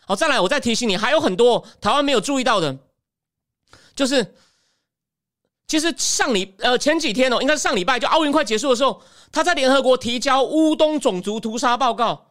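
A woman giving emphatic, animated political commentary as a podcast host. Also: sits high, fairly quick. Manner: animated, emphatic, acts out quotes.

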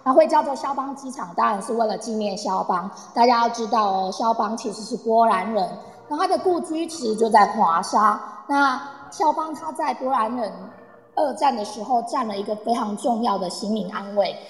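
Eager and explanatory, a woman portrays a chatty tour guide in a radio play who explains with patience and coaxing. Her slightly high voice has lively intonation and a moderate pace. An echoey, reverberant room colours the recording.

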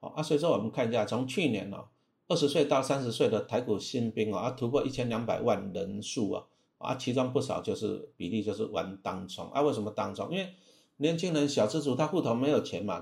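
A man's voice: lowish voice, creaky, a little mellow. A man with a Taiwanese Mandarin accent, a stock trading teacher talking casually about investing, peppering his speech with filler sounds and rhetorical questions.

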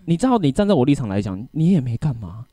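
Brief: male podcast co-host, fast and lively, dark tone, swears a lot, dry close sound. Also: mid-range voice, no echo. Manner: animated venting, swears often, keeps asking if you get it. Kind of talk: casual chat.

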